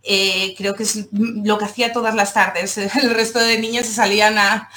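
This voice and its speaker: Telling personal stories as a podcast guest, a Sevillian comic artist keeps the chat casual and giggly, laughing frequently as she talks. Her medium-pitched voice is pushed and bright, level in tone, at a moderate pace.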